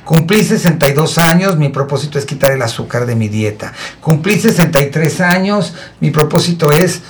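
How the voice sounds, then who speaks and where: A man's voice: a little high, lively intonation, moderate pace. A man in his sixties with a Mexican accent, hosting a talk show and giving emphatic, preachy lifestyle advice. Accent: Mexican Spanish. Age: 60s. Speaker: radio show host. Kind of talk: casual advice chat.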